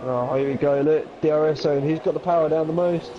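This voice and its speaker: A man doing live commentary on an online racing league, excitable, his voice jumping up whenever something happens on track. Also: fairly high pitch, fast. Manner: excitable, voice jumps up at incidents. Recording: dull lo-fi sound with game noise behind. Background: racing game engine noise.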